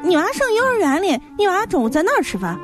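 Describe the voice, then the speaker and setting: A woman's voice: very high voice, wildly swooping pitch, fast, faint music behind, exaggerated voice. A woman with a Shaanxi accent playing a plaintive, blunt young woman in comic dialect skits. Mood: curious. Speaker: sketch comedy performer. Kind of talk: comic two-person dialogue skits in dialect.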